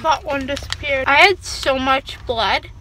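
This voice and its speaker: A woman's voice: high voice, measured pace, sharp tone, slight background noise. A young woman groggy and loopy from anesthesia, rambling in a silly, childlike way as she chats casually in a car. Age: young adult. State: numb mouth after dental surgery. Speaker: vlogger. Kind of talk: casual chat. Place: inside a car in daytime. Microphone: handheld camera at arm's length.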